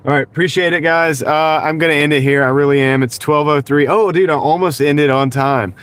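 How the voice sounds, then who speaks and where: A livestream host with a congested, slightly rough, nasal voice chats casually with viewers from his car at night, rambling, reading chat aloud and chuckling often. His voice sits on the high side, a bit bright, with fairly even intonation and a brisk pace, picked up by a wireless clip-on mic.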